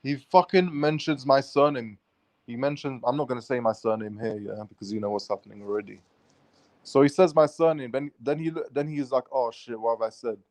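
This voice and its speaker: A vlogger with a mid-range, darkish-toned voice tells his viewers about a run-in at a fairly quick clip. The storytelling is casual and rambling, full of free swearing and restless run-on sentences, with no echo.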